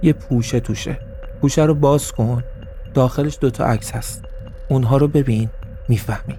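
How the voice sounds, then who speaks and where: A man voicing a calm, stern older police colonel who gives measured, firm commands. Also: medium pitch, soft background music, natural voice.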